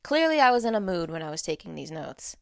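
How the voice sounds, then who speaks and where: A woman's voice: fairly low pitch, big pitch swings, fast talker, gravelly, smooth. A woman with a standard American accent, reading notes aloud in an informal advocacy vlog with blunt, emphatic delivery and candid asides. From United States. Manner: blunt, emphatic, casually profane. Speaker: social media content creator.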